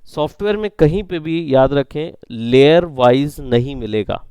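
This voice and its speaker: A male instructor giving a classroom lecture in a mid-pitched, crisp voice. His explanations are patient and he often checks that the class follows, with no room echo on the recording. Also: a little slow, mellow. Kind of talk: classroom lecture on sound editing.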